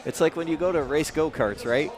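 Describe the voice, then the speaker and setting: A man's voice: fairly high pitch, a little fast. A man co-commentating as a tractor pull announcer in live event style. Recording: loud crowd, outdoor event noise.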